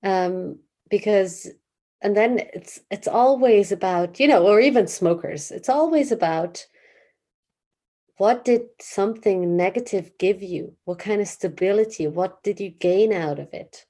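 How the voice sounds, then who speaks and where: A woman's voice: mid-range voice, measured pace, mellow. A woman therapist being interviewed, talking casually with many fillers and restarts and vivid images. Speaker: therapist guest.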